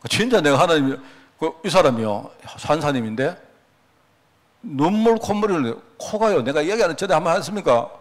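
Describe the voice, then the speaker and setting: Male pastor, sermon, animated storyteller who acts out quotes, very expressive. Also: on the high side, a little fast.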